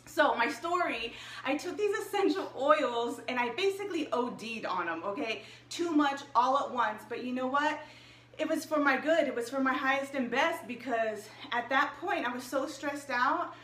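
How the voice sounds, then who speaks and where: Chatty high-voiced woman in an echoey room. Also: animated, moderate pace, fairly bright tone. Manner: chatty and upbeat, addresses viewers directly. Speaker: health and wellness coach. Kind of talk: casual live-stream chat. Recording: echoey room, mic at a distance, faint hiss.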